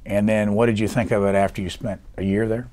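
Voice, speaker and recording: A man's voice: fairly low pitch, flat delivery, quick pace, dark tone. A man hosting a long-form interview, asking plain, direct questions. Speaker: interview host.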